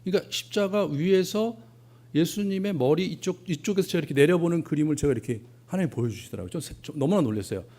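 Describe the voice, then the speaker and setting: Korean pastor with a lively preaching voice. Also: male voice, on the high side, fast talker. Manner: storytelling, acting out quoted prayers, swinging from hushed to loud. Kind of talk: sermon.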